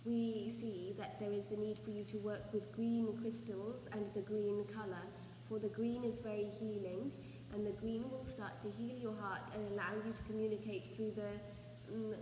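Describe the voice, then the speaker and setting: Echoey woman trance medium, ceremonial delivery. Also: medium pitch. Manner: formal, ceremonial phrasing as a collective 'we', with deliberate pauses. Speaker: trance channeller, spirit medium leading a session. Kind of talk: seance medium channelling spirit messages. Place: echoey room, away from the microphone. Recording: roomy, reverberant, distant mic, faint noise.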